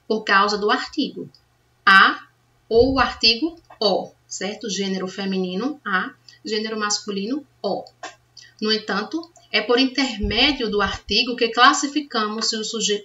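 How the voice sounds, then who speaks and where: A woman's voice: fairly high pitch, pushed and bright. A woman teaching a grammar lesson, patiently checking understanding with the class as she goes. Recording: distant, dull lo-fi sound.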